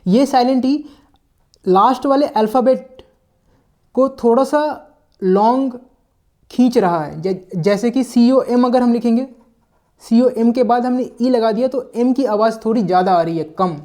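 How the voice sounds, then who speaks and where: A man's voice: very high voice, unhurried, pauses often, dark tone. A male teacher explaining an English vocabulary lesson step by step. He often checks in with his listeners, mixes English words into his sentences, and sometimes corrects himself mid-word.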